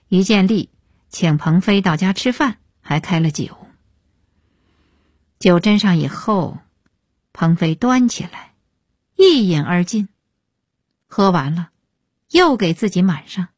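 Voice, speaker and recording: A woman reads a novel aloud as a storyteller, taking her time over every phrase. Her voice is a little husky and rises and falls with a lively pitch. The sound is dry and close, with no room echo. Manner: slow, measured, expressive reading. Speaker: audiobook narrator. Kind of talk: scripted storytelling narration.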